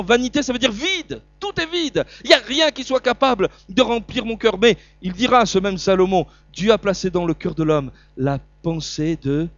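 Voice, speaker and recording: Preacher with a southern French accent. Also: male voice, high-pitched, dry recording, highs cut off. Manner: hesitant, repeats words, swings from loud emphatic to quiet chatty. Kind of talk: sermon.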